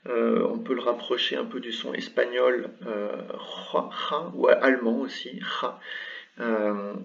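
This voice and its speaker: Man, mid-pitched, patient teacher walking through a lesson with lots of "euh", slightly dull lo-fi sound. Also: fairly even intonation, a little slow, gravelly, far from the mic. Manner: patient, explains step by step with many fillers. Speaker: Arabic script teacher. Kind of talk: online language lesson.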